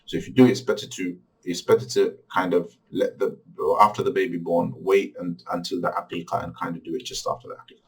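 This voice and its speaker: A middle-aged man from Bangladesh teaching a recorded religious course lecture, halting with many restarts. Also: low voice, level tone, vocal fry, husky, recorded from a distance, low-quality recording.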